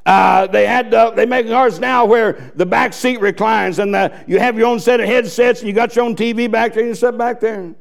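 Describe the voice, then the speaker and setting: A male pastor preaching a fiery, folksy sermon that rises to shouted peaks. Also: high-pitched, fairly even intonation, moderate pace, vocal fry, few pauses.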